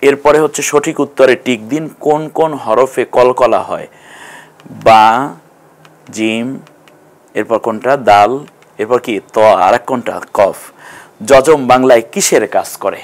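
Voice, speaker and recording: Male teacher, mid-pitched, patient classroom delivery, stretches out syllables when sounding them out. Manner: slow, drawn-out syllable-by-syllable sounding out; patient, explanatory. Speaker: Quran reading teacher. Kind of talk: TV classroom lesson.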